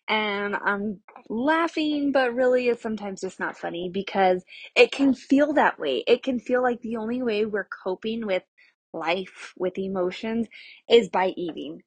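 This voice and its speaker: A woman's voice: medium pitch, a little slow, husky, no room sound. A woman in her thirties hosting a podcast as a dietitian, talking in an upbeat, chatty, friendly way. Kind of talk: casual podcast chat.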